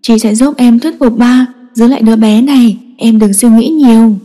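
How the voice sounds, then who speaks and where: A woman's voice: fairly high pitch, moderate pace, dark tone, natural voice. Woman doing a sly sweet-talking sister. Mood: falsely sweet. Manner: sweet, honeyed. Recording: long echoing reverb.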